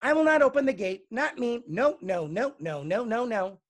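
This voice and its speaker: A man reading a storybook and voicing a bold, loud young farm girl with a shouty, exaggerated, sing-song delivery. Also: extremely high pitch, sing-song, normal speed, exaggerated voice. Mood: scornful.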